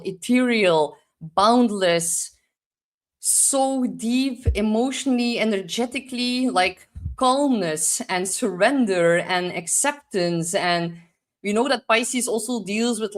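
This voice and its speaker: A young woman with a Dutch accent and a medium-pitched voice hosts an astrology forecast. She rambles casually, leans heavily on "like," and sometimes searches for English words.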